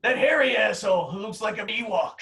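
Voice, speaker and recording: A man's voice: high voice, expressive, fairly quick, creaky, bright, forceful tone, recorded from a distance, full character voice. A man playing a crude, insulting male roommate with a smug, mocking manner, a bit off-mic.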